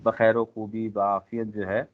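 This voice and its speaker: Low-voiced man lecturing on a tinny recording. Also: level tone. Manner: frequent filler pauses, addresses class directly. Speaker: instructor. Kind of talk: classroom lecture.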